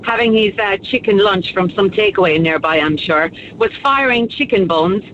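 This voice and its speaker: A woman's voice: mid-range voice, moderate pace, fairly bright tone. An Irish woman with a southwestern Kerry accent, speaking emphatically and indignantly as a caller to a radio phone-in. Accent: southwest of Ireland, Kerry. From County Kerry, Ireland. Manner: emphatic, forthright. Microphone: telephone. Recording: dull phone-in line, faint noise.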